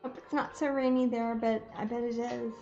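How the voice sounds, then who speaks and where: A woman's voice: fairly high pitch, level tone, moderate pace, mellow. A woman artist chatting casually while she draws on a live stream, thinking aloud and laughing easily. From United States. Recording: dull lo-fi stream audio with faint music.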